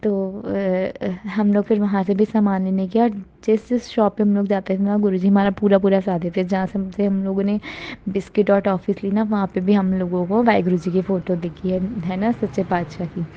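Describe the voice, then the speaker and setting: A woman telling listeners about her devotional experiences in a casual, earnest and grateful way, often rising with excitement. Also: mid-range voice, moderate pace, dull audio. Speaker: devotee sharing a testimony. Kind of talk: casual spoken testimony.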